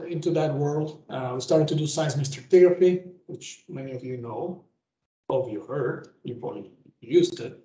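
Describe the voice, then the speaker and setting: A man's voice: medium pitch, warm tone. A man, giving a conversational guest lecture over a video call, often restarting phrases and checking in with "okay?". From Venezuela. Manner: rambling, with frequent self-restarts and tag "okay?". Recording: roomy echo.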